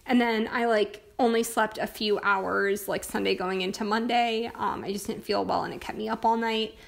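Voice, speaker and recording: Hoarse, gravelly-voiced young woman. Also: mid-range voice, fairly even intonation, normal speed. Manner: chatty, lots of filler words. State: hoarse, losing her voice. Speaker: planner vlogger. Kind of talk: casual chat.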